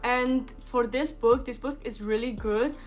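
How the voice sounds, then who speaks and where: Speaking over music from a small bedroom, a young woman from Indonesia vlogs casually to camera with an Indonesian accent. Her voice is on the high side and unhurried, and her chatty talk is packed with "like" fillers and restarts.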